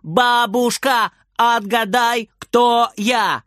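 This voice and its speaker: A man's voice: high voice, unhurried, no room sound, studio quality, voice pushed up. A man putting on an eager little boy. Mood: pleading. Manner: whiny, eager, shouting. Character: small boy, pestering, playful, pretending to be a robot.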